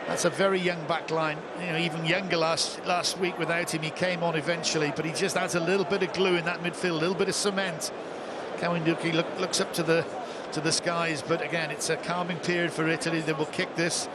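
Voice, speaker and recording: A man's voice: a little high, little pitch movement, fairly quick. A man giving live rugby co-commentary, chatty and opinionated, with homely sayings, in a cold outdoor stadium. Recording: commentary over loud stadium crowd and noise.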